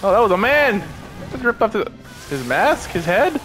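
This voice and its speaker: High, animated man doing gaming commentary. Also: normal speed. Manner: wry, amused reactions. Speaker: gaming streamer. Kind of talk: casual playthrough commentary. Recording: game music behind voice.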